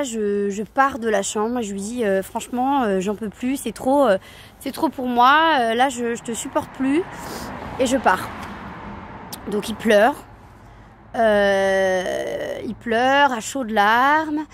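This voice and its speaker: A woman in her thirties, a parenting coach, talks in a casual vlog outdoors at night, her voice a little high, with many hesitations and restarts.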